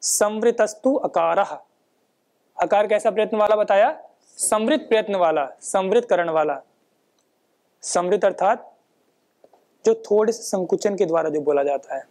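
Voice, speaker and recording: A woman's voice: medium pitch, warm tone. Woman teaching, asking and answering herself. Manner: asks and answers her own questions, demonstrates sounds slowly; frequent checking tags like "है ना?". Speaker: Sanskrit teacher. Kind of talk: explanatory phonetics lecture.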